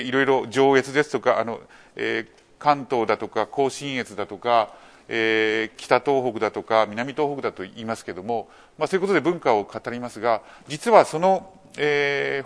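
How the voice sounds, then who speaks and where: Lively-pitched Japanese male lecturer. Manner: measured explanatory delivery with many fillers; rhetorical questions to the audience. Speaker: lecturer on archaeology. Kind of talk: public lecture.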